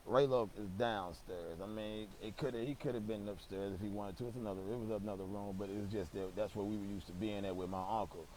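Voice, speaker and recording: A man's voice: lowish voice, fairly even intonation, fast, hardly any pauses, darkish tone, slight background noise, low-quality recording. A young man telling a casual story, rambling and slangy, with lots of swearing and stammered restarts.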